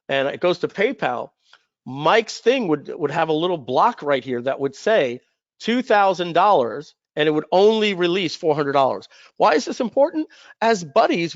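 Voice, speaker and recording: A man presenting a software demo on a webinar in a chatty way, often acting out quick bits of dialogue. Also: a little high, no room sound, highs cut off. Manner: chatty, acts out quoted dialogue. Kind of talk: webinar screen-share demo.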